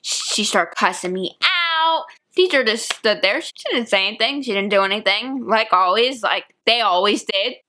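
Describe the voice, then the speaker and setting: Bright high-voiced young woman storyteller. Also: moderate pace, hardly any pauses. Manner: animated retelling with acted-out quotes. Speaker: vlogger. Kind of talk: storytime vlog.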